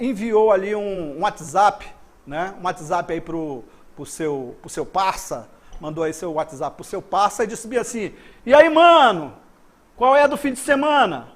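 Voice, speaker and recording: Lively Brazilian man teaching grammar. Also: high voice. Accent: Brazilian Portuguese. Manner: lively, repetitive, coaxing students to look. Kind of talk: online grammar lesson.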